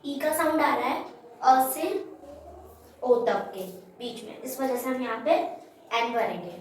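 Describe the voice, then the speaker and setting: Slow, hesitant high-voiced female pupil. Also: animated, a little hiss or hum. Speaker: student. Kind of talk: answering in class. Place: classroom. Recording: echoey room from far off.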